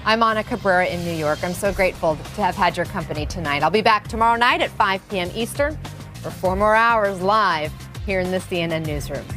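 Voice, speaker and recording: A woman's voice: on the low side, expressive, a little fast. A woman anchors the evening news with a friendly, conversational tone. She speaks from a television newsroom, with faint music underneath.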